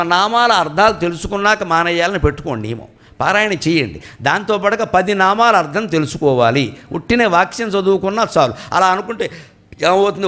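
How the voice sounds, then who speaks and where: A middle-aged man with a Telugu accent gives a spiritual discourse at a memorial event. He tells stories and asks rhetorical questions, and his voice swings between loud and quiet. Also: sits high. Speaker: spiritual speaker. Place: cultural hall at a memorial event.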